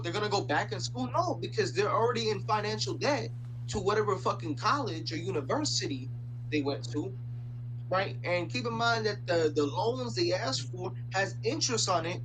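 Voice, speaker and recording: Rambling, slangy young man over video chat. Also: high-pitched. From Dominican Republic. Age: young adult. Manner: slangy, swears a lot, rambles with many fillers. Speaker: random video chat stranger. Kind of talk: casual rant in a video chat. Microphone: video chat computer mic. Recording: video chat audio with loud background hum.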